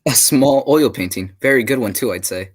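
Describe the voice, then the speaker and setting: A man playing a genial, courteous English gentleman doctor and storyteller in a radio drama, with old-fashioned phrasing. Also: mid-range voice, normal speed, close to an everyday voice. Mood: courteous, curious. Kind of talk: radio drama narration and dialogue.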